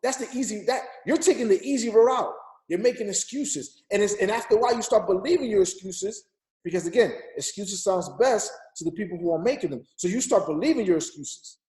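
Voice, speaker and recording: A man's voice: high voice, a little fast, darkish tone, reverberant. A man in his thirties giving an emphatic, repetitive motivational talk on a group call, urging listeners like a preacher. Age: 30s. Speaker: motivational speaker.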